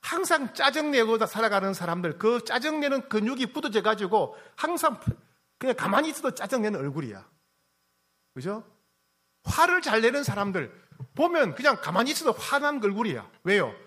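A pastor preaches a sermon in an extremely high voice that swings widely in pitch, moving fairly quickly. He quizzes and teases the congregation, repeats key phrases, and shifts from loud to soft.

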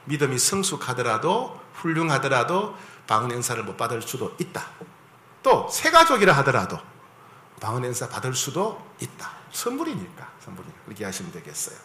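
A man's voice: medium pitch, wildly swooping pitch, brisk, pushed and bright, reverberant. A man preaching a sermon as a pastor in a conversational style, often asking the congregation for agreement.

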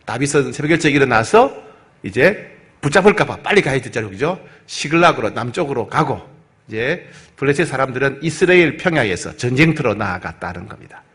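A man's voice: medium pitch, fairly quick. A male pastor leading a Bible study, animatedly retelling the story and quizzing his congregation. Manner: animated, asks the congregation questions.

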